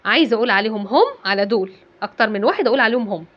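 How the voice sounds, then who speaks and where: A woman's voice: medium pitch, rapid-fire, lo-fi sound. A woman with an Egyptian Arabic accent teaching English to children. She asks and answers her own questions and repeats key words. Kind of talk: classroom-style lesson explanation.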